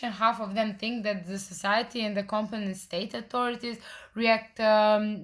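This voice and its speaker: A woman from Serbia, presenting her research in a prepared talk, pausing often with fillers and restarting words. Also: medium pitch. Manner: hesitant, frequent uh fillers and self-corrections.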